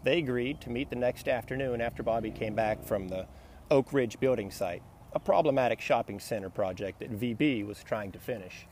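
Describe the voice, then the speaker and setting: A man narrating a business novel in a steady, plain storytelling voice. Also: mid-range voice, moderate pace, a little hiss or hum. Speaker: audiobook narrator. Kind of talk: scripted narration.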